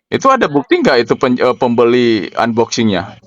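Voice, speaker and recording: A man's voice: mid-range voice, wildly swooping pitch, brisk, no room sound. A man making a complaint by phone, insistent and repetitive, pressing with pointed questions. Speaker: caller, an online seller with a complaint. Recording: muffled lo-fi phone call.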